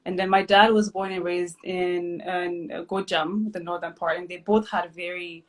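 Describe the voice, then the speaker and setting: Chatty woman from Ethiopia, lowish voice. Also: moderate pace. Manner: relaxed, chatty, many fillers and restarts. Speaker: host, physician. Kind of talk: casual live-stream chat.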